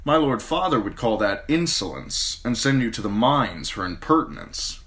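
A man voicing a sharp-witted male dwarf lord with a dry, sardonic manner. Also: mid-range voice, big pitch swings, normal speed, voice pushed up.

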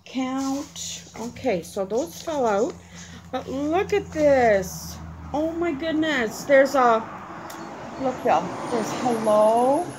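A middle-aged woman speaks slowly in a slightly high voice, coaxing a child to go gently and gushing over pretty handmade things. She is recorded at home, and a steady background noise comes through clearly. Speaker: crafting channel host. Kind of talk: casual unboxing chat with a child.

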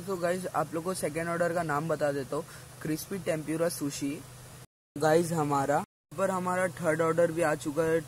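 This casual review vlog comes from a teenage Indian food vlogger in a busy mall restaurant, who keeps chatting to viewers and calling them "guys." His pitch is fairly high. The phone, held at arm's length, gives a rough recording with slight background noise.

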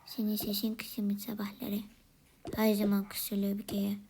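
A woman voicing a pair of playful baby sisters in a comedic role-play vlog, often in a whispery, hushed way. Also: mid-range voice, completely flat delivery, unhurried, creaky, very noisy. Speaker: vlogger voicing toy siblings.

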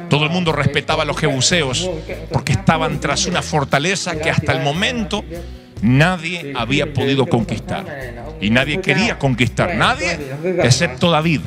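A man preaching a sermon, telling a Bible story in a fervent, emphatic way. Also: on the high side.

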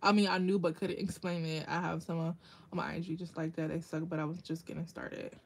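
A woman with a slightly low voice hosts a relaxed nail art livestream. She talks casually, answers viewers by name and laughs easily as she demonstrates, keeping a friendly, chatty tone. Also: fairly quick, vocal fry, breathy edge. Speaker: nail artist hosting a tutorial livestream. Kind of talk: casual livestream tutorial chat.

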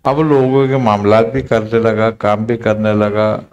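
A man, a spiritual teacher, telling a story in a relaxed conversational talk and acting out the quoted dialogue. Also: fairly low pitch, dull audio. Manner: unhurried, recounting with quoted dialogue.

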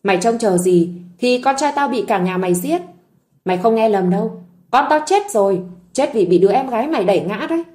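A woman's voice: on the high side, lively intonation, fairly quick, dark tone, close to an everyday voice. A woman voicing a vengeful young wife who speaks in a cold, mocking, harsh way.

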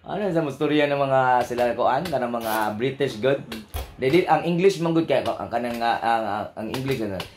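A man's voice: medium pitch, animated, normal speed, darkish tone, echoey room, a little hiss or hum. A man with a Cebuano Filipino accent hosting a casual radio show, playfully mimicking foreign accents and laughing often. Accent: Filipino, Cebuano-speaking. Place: radio studio.

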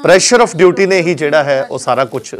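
A man's voice: a little high, normal speed. A middle-aged man with a Punjabi accent, speaking as an interviewed relative, explaining things and mixing in English phrases. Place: indoors in a room.

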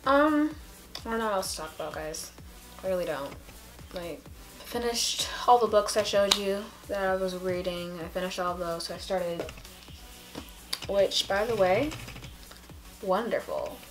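A woman's voice: mid-range voice, unhurried, pauses often, music in the background. A young woman with a headache chatting sleepily to a close camera at home late at night, drifting from topic to topic in a giddy, rambling way. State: tired, with a headache. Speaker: vlogger. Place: indoors at home, sitting on a carpet. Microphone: camera close up at arm's length.

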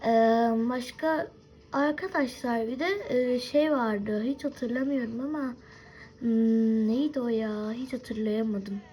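A young woman with a dark-toned, higher voice hosts a game video, speaking slowly on a rough recording. She gives casual play-by-play and chats with her viewers, dropping in forgetful asides.

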